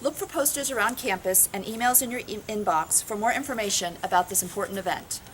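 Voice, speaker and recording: A woman's voice: medium pitch, fast, fairly bright tone, a little hiss or hum. A woman co-chairing a school fundraiser, reading a scripted, upbeat announcement. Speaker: event co-chair.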